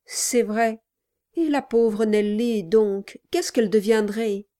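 A frail, absent-minded old man in a storybook reading, voiced by a woman narrator. He answers faintly and slowly, resigned to everything. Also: a little high, mellow.

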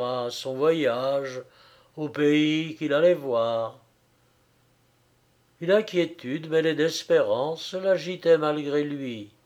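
A man narrating classic fiction in a measured, expressive audiobook reading. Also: fairly high pitch.

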